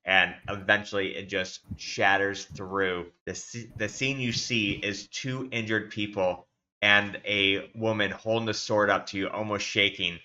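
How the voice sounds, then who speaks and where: A man's voice: lowish voice, flat delivery, a little slow, pushed and bright, dull audio. Man narrating as game master, rambling. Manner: loose, rambling narration with many fillers.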